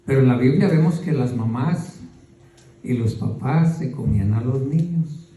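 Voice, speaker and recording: A man's voice: medium pitch, lively intonation, unhurried, warm tone. A man, a pastor preaching a folksy sermon to his congregation, calling them brother. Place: church hall. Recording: echoey church from far off.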